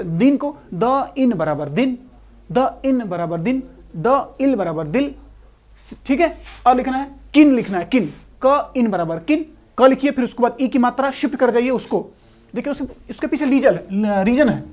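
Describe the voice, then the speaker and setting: A man with a very high, slightly mellow voice teaches a shorthand class, splitting words into syllables and repeating them patiently. He explains things carefully and keeps checking in with "ठीक है."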